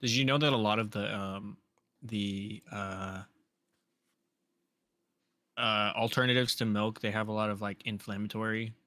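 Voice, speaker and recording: A man's voice: lowish voice, fairly even intonation, a little slow, long pauses, fairly bright tone, no room sound. A man co-hosting a casual livestream podcast, joking and teasing in loose banter. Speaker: podcast co-host.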